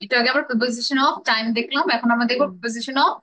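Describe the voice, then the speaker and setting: A woman's voice: fairly high pitch, steady tone, fairly quick, bright, forceful tone, low-quality recording. A woman with a Bangladeshi accent teaching an English grammar class, drilling pronunciation and mixing English phrases into her explanations.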